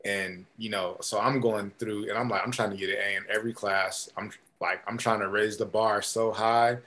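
A man telling stories as a podcast guest in a casual, animated way, with many fillers and restarts. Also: on the low side, normal speed. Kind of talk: casual storytelling.

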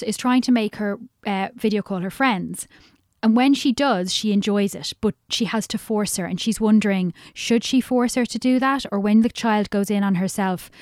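A woman's voice: medium pitch, darkish tone, no echo, clean studio sound. A woman hosting a conversational interview and putting questions to a guest. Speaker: host.

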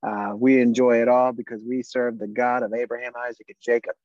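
A man hosting a casual faith podcast, excitable and quick to laugh, talking over a video call. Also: mid-range voice, muffled recording, slight background noise. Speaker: podcast host.

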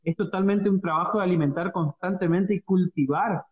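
High-voiced Rioplatense man preaching on radio. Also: a little fast. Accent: Rioplatense Spanish. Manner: preachy, repeats phrases for emphasis. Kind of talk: devotional radio talk. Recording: dull radio audio with roomy echo.

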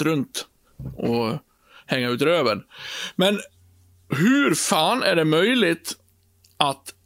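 A man co-hosting a podcast, telling a story in a lively, casual way and swearing freely. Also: mid-range voice, no echo. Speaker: podcast co-host. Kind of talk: casual chat.

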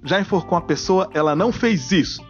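Animated joking male podcast host. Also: high-pitched, quick pace, muffled recording, faint music behind. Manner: jokey, animated, acts out silly voices. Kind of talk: casual comedic podcast commentary.

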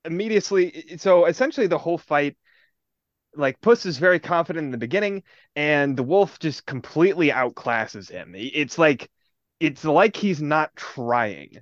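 A young man chats casually on a podcast, his pitch swinging widely as he gets worked up. He sits slightly high for a man and laughs through his retelling. The sound is dry and a little dull and lo-fi. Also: moderate pace, dry recording. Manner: animated, laughing, swearing, acts out quotes. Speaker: podcast co-host. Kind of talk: casual chat.

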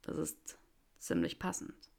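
A woman's voice: a little mellow, lightly acted. A woman reading a fan story aloud, voicing a nervous young wizard who stammers and halts as he speaks. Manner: halting, stammering.

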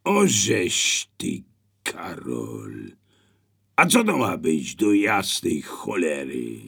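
A man voicing a rough, bullying male burglar who talks in a brash, mocking and threatening way. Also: sits low, wildly swooping pitch, drawn-out words, a bit bright, heavily acted.

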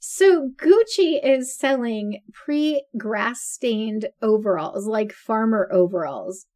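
A woman's voice: a little high, expressive, slow, mellow. A woman in her forties co-hosting a podcast in casual chat, talking freely with lots of fillers and frequent laughter. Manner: chatty, laughs often, many fillers. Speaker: podcast co-host.

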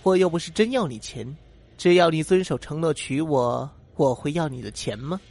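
A man's voice: fairly high pitch, expressive, moderate pace, a little mellow. A man voicing a sly, scheming young woman in a told ghost story, with a mocking, coaxing way of talking. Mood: coy, scheming.

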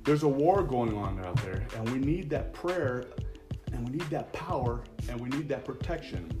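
A man's voice: medium pitch, expressive, normal speed, roomy sound, music in the background. A man preaching a sermon in a folksy manner, joking aside and reading scripture aloud in a church.

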